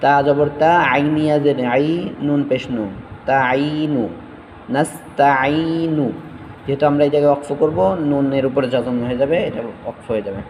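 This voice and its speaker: A man teaching Quran recitation, spelling out letters syllable by syllable and chanting verses slowly between quick explanations. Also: mid-range voice, a little mellow, in a large hall, a little hiss or hum, poor audio.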